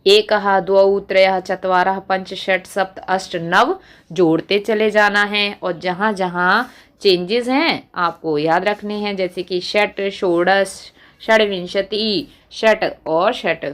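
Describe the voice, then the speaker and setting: Slow, deliberate woman teacher. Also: mid-range voice, steady tone. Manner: slow, deliberate recitation, quizzing the viewer. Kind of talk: classroom lesson.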